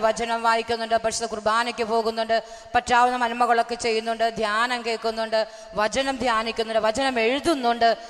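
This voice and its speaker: A woman preaches with fervour, often raising her voice and asking the listeners questions. Her tone is bright and forceful. The sound carries a long reverb from a large hall. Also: high voice. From Kerala, India. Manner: fervent, often raises her voice and asks the crowd questions. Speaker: lay preacher. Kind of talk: sermon at a retreat. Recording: echoey hall recording.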